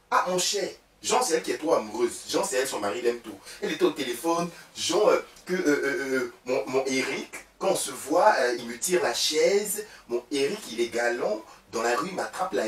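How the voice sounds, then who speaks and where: A boastful, gossiping wife, played by a man in a comic sketch, speaking with an Ivorian French accent. Her voice leaps up and down in animated swings, breaking into loud bursts. The voice sounds roomy and set back from the mic over a faint background. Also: mid-range voice, recorded from a distance, a little hiss or hum, lightly acted. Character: boastful chatty wife of Cyprien, a woman. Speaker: comedian playing a woman.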